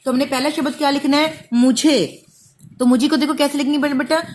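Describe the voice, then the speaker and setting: A woman with a high, bright voice takes young pupils through a lesson, drawing each word out syllable by syllable. She speaks patiently and keeps calling the child "beta". Faint hiss sits under the recording. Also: fairly even intonation, fairly quick. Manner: patient, stretches out sounds syllable by syllable, calls listener "beta". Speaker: primary school teacher.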